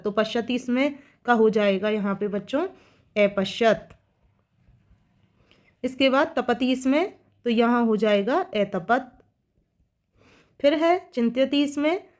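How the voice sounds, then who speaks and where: A schoolteacher works through textbook exercises for children, reading each line slowly and then explaining it. Her voice is a little high and a little mellow.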